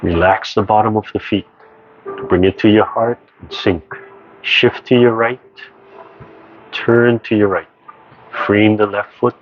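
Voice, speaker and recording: A dull, noisy recording of a male tai chi instructor with a fairly low voice. He gives serene cues one short phrase at a time, guiding each movement in a calm, measured way. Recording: dull, muffled audio with background noise.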